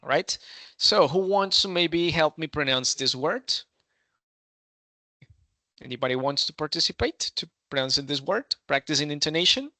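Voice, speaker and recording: A man's voice: on the high side, animated, unhurried, pauses often, pushed and bright, dry recording. A man teaching an English speaking workshop, switching between languages and often checking with the group. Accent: Latin American Spanish. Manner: switches between languages, asks the group for answers, many fillers. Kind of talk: bilingual classroom instruction.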